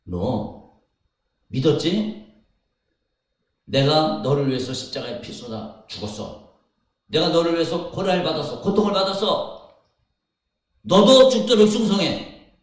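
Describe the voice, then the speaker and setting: A man's voice: high-pitched, very animated, measured pace, long pauses, far from the mic, pitched above the performer's own voice. A man voicing an imagined Jesus who speaks in earnest, repeating short phrases with emphasis, in a very echoey hall away from the mic. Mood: pleading.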